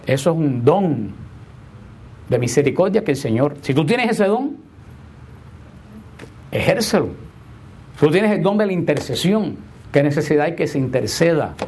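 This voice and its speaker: A male preacher gives a homily to his congregation in a slightly higher-than-usual voice. He leans on repeated rhetorical questions, slowing to stress key words and then rushing through asides. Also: very animated, a little mellow, slightly rough. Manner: emphatic, repeats rhetorical questions, shifts between slow stress and quick asides.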